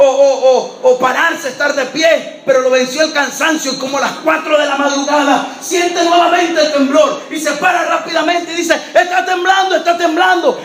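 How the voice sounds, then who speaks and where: Pastor de voz muy aguda predicando. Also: male voice, extremely high pitch, slight background noise. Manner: lively storyteller, acting out voices, often shouting. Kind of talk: sermon storytelling. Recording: echoey church hall with faint ambience.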